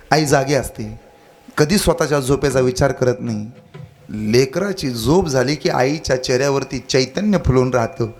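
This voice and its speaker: A man preaching a devotional kirtan sermon, earnest and exhorting, telling folksy stories to the crowd. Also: fairly high pitch.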